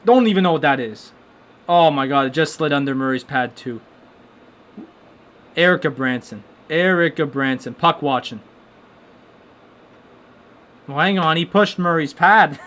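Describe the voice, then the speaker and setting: A young man hosts a live hockey watchalong in a somewhat high voice. He talks casually, stumbling over restarts as he reacts in stunned disbelief. It sounds like a home streaming mic. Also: measured pace, pauses often, bright, forceful tone. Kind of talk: casual live game commentary.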